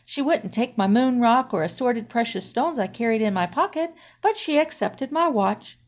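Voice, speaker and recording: A woman's voice: a little high, animated, moderate pace. Woman reading a story aloud. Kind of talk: first-person story narration. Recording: slightly dull, lo-fi audio.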